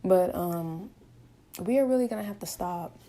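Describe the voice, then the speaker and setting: Impassioned mellow-voiced young woman. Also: on the low side, moderate pace. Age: 20s. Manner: impassioned, emphatic, rhetorical questions. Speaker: vlogger. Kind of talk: opinionated direct-to-camera monologue.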